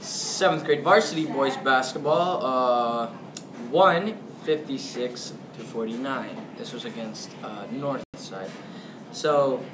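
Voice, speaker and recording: A male co-host reading out school announcements in an informal, conversational way. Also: medium pitch. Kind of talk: casual announcements, reading details. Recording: echoey room, clear background noise.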